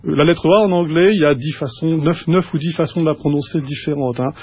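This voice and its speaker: A man's voice: a little high, breathy edge. A man speaking as a guest on a radio show, explaining patiently and restarting his sentences often. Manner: explanatory, halting with many restarts and fillers. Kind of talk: radio studio conversation. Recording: dull lo-fi radio recording.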